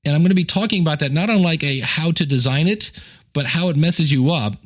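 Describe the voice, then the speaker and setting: This podcast host, who also teaches podcasting, talks a little fast in a slightly high voice. He's casual and chatty, drifting into joking, self-deprecating tangents during a solo episode full of plugs and announcements.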